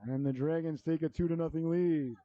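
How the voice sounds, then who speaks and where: A middle-aged man calling live hockey play-by-play as an announcer, folksy and excitable, with colourful slang. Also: fairly high pitch, fairly quick, no echo, dull audio.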